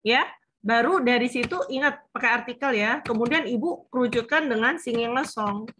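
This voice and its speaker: A woman's voice: fairly high pitch, moderate pace, fairly bright tone, a little hiss or hum. A woman supervisor advising a student on her thesis plan, explaining patiently with frequent fillers. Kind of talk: online thesis consultation.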